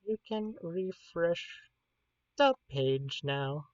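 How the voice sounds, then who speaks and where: Female livestreamer, Pittsburgh accent, lower-pitched and very expressive, informal rambling delivery, dry slightly lo-fi sound. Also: very slow, no room sound. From Pittsburgh, United States. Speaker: livestreamer teaching an informal class. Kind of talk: casual livestream chat.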